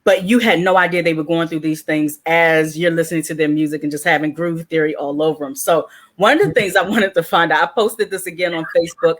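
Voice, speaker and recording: Animated woman hosting a panel chat. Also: deep voice. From Washington, D.C. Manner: animated storyteller, acts out quotes. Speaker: host.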